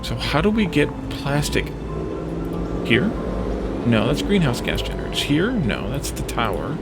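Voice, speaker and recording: Over background music, a man with a medium-pitched voice that swoops wildly gives casual let's play commentary at a measured pace. He thinks aloud and muses his way through problems as he plays.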